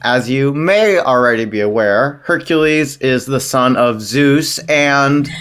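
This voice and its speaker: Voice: mid-range voice, expressive, slow, a bit bright, clear, resonant tone. A podcast co-host retelling myths in casual chat, playful and jokey with wry asides.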